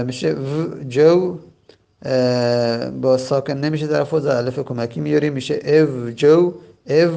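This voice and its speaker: A man teaching a grammar lesson, repeating each form slowly and spelling it out, with frequent hesitant fillers. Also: medium pitch, vocal fry, warm tone. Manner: patient, repeats forms slowly and spells them out; hesitant fillers between points. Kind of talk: lecture on Arabic verb morphology.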